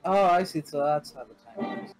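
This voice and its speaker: A playful man in a gaming session with friends, often asking how things work. His voice sits a little high for a man. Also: wildly swooping pitch, a little fast, a little mellow, faint music behind. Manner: playful, questioning. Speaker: gamer playing with friends. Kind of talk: casual gaming chat.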